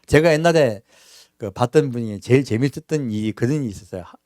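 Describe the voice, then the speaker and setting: A pastor preaches a sermon in church, talking conversationally to the congregation with many rhetorical questions and acting out everyday quotes in character voices. He talks fast in a medium-pitched, darkish voice. The recording is studio quality with no echo.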